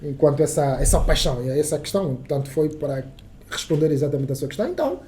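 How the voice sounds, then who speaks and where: On a casual podcast interview, an Angolan journalist whose first language is Kissolongo speaks Angolan Portuguese, full of fillers, restarts, and emphatic turns. His fairly high, slightly mellow voice is animated and fast, with a little hiss or hum in the recording.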